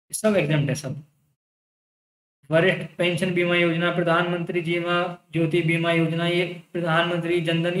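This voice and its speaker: Young male lecturer, high-pitched, chatty and reassuring, echoey room. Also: fairly bright tone. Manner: chatty, reassuring, explains by intent. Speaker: teacher. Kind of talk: casual online lecture.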